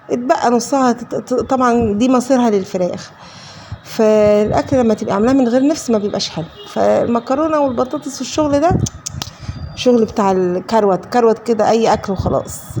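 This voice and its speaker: Rapid-talking Egyptian woman vlogging at home. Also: a little high, mellow, a little hiss or hum. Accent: Egyptian Arabic. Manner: chatty, rambling, self-deprecating, frequent prayers. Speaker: vlogger, housewife. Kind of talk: casual home cooking vlog. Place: home kitchen.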